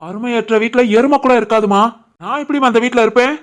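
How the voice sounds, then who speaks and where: A man voicing a hurt, self-pitying young husband in an animated family story, with a Tirunelveli Tamil accent. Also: extremely high pitch, fast. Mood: sulking.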